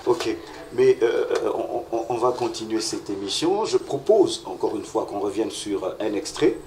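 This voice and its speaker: A man's voice: lowish voice, animated, moderate pace, warm tone. A man hosting a TV culture show, stammering and repeating words as he asks his questions. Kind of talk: interviewing a guest. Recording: echoey room, distant mic, faint noise.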